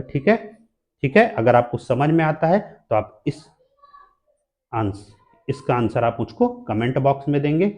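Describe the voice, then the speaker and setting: A man teaching fast arithmetic as a maths teacher, repeating each step and checking in fatherly, encouraging words. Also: mid-range voice, a little mellow. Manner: repetitive, keeps checking with "okay", calls viewers "son". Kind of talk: explaining mental arithmetic to students.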